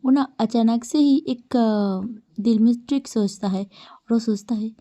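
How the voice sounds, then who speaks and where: A woman's voice: fairly high pitch, a little slow, warm tone. A woman casually narrating a fan-fiction story, chatty and full of fillers.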